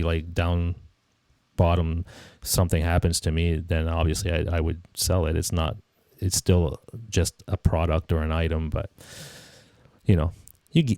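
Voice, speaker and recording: A man's voice: sits low, mellow, no echo, studio quality. A man nearly fifty hosting a casual live stream, rambling and reflective with lots of restarts and "you know"s. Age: 40s. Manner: reflective and easygoing. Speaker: livestream host.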